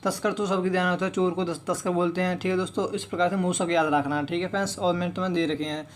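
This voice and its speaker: High, flat-voiced man teaching a lesson. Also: slight background noise. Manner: repetitive, keeps saying "friends" and "okay"; reads word lists slowly, one word at a time. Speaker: exam-prep teacher. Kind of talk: online Hindi lesson.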